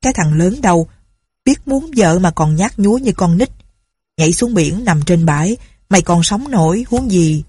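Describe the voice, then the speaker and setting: A woman doing a gruff, scheming old ex-pirate chief. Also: on the low side, lively intonation, normal speed, mellow, no echo, clean studio sound. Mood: commanding. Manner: bossy, gruff commands.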